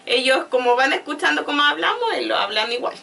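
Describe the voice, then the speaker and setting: Woman, high bright distant voice. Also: animated, quick pace, creaky. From Chile. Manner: patient, explanatory, acts out child talk. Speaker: speech therapist guest. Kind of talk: conversational explanation. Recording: voice from far off.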